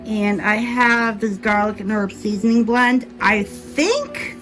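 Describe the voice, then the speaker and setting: A woman with a mild speech impediment talks through her cooking in a home kitchen at an unhurried, drawn-out pace. She chats to the viewer, thinks aloud and corrects herself mid-sentence. Faint music plays underneath. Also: mid-range voice, animated, fairly bright tone, poor audio. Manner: chatty, thinks aloud, self-correcting asides. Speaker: cooking vlogger. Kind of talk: casual kitchen narration while cooking.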